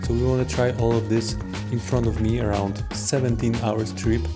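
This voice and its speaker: A man's voice: mid-range voice, level tone, normal speed. A man hosting a travel vlog, talking in a casual, chatty way, outdoors in a city. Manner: chatty, full of "like" and "you know" fillers. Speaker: travel vlogger host. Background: background music.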